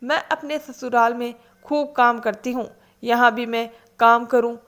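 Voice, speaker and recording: A woman's voice: fairly high pitch, steady tone, a little slow, a bit bright. A woman voicing a young married daughter who speaks reproachfully and insistently. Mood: indignant. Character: young married daughter, indignant then ashamed.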